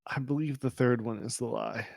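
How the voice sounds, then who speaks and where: A man on a gaming podcast panel who answers in short, easygoing remarks. His voice sits at a middle pitch. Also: steady tone, moderate pace, gravelly, darkish tone, no room sound, clean studio sound. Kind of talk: casual gaming podcast chat.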